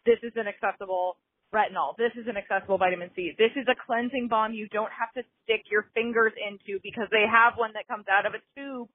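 A woman's voice: mid-range voice, steady tone, quick pace, husky. A woman leaving an enthusiastic, chatty voicemail over a phone line, full of "like" and "you know". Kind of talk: casual gushing voicemail. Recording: tinny, dry phone line.

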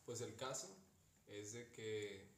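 Young Mexican man, podcast co-host, relaxed slangy storyteller; distant from the mic, roomy, faint hiss. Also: fairly low pitch, slow. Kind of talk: casual storytelling chat.

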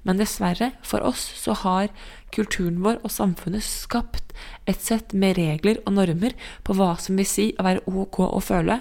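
A woman's voice: medium pitch, steady tone, vocal fry, few pauses, a little mellow. A woman co-hosting a podcast, speaking in an earnest, reflective way in casual conversation. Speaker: podcast co-host.

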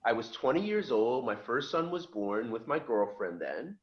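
A middle-aged man from just outside Philadelphia guests on a podcast, casually recounting his life story and acting out the voices of the people in it. He's a lively storyteller with a medium-pitched voice at a normal speed, and the audio sounds dull.

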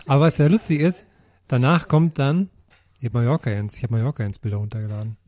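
A man co-hosting a casual comedy podcast, telling absurd ideas in a deadpan way. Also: medium pitch, a little fast. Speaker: podcast co-host. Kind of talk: casual chat.

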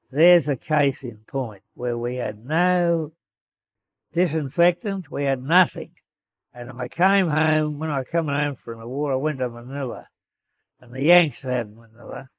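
A man's voice: mid-range voice, a little slow, no room sound, low-quality recording. An elderly Australian man, a war veteran remembering in an oral history interview, telling his story colloquially and voicing the dialogue. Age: 80s or older. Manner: colloquial, acting out quoted dialogue.

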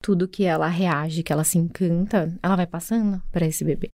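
Brief: woman psychologist, quick explanatory delivery, mellow low voice, dry close sound. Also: fairly even intonation, dry recording. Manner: explanatory, frequent "né?" tags. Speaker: psychologist guest. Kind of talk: casual podcast conversation.

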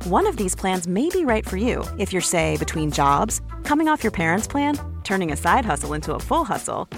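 A woman's voice: mid-range voice, big pitch swings, fairly quick, soft background music. A woman narrating a scripted advertisement as an announcer.

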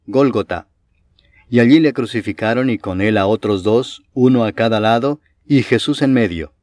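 A man reading scripture aloud in a measured, solemn way, slowing on key phrases. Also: fairly low pitch, darkish tone, no room sound, studio quality. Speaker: Bible reader.

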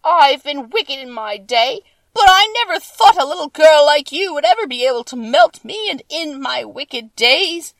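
A wicked, cunning old witch from a storybook. Her voice is high and shrill, wailing theatrically and stretching out her words with great force. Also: lively intonation, fairly bright tone, no room sound, recorded from a distance. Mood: wailing, despairing. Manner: theatrical, drawn-out cries.

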